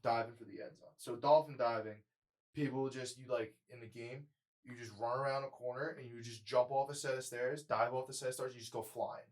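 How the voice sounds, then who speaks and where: A man in his twenties chatting on a podcast in a rambling way, peppered with "like" and curse words. His voice is mid-pitched for a man. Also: steady tone, fairly quick, rough recording. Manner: rambling, profane, lots of "like". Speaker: podcast co-host. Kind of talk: casual chat.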